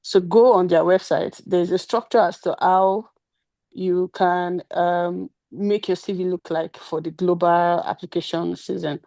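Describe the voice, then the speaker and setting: A woman's voice: lowish voice, steady tone, measured pace, creaky, mellow, no echo. A woman giving casual, chatty advice on a webinar video call, full of "like" and "just". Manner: chatty, informal, lots of "like" and "just". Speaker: webinar speaker and past program participant.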